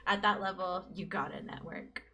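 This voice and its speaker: A woman's voice: on the low side, normal speed, bright, forceful tone. A young woman working in HR, co-hosting a casual livestream and giving frank hiring advice with easy laughter. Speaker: HR recruiter co-host.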